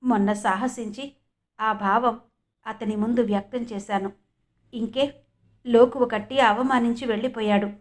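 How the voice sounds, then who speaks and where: A woman voicing a hurt young woman in an audiobook, speaking in a subdued, halting way. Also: on the high side, fairly even intonation, natural voice. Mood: tearful.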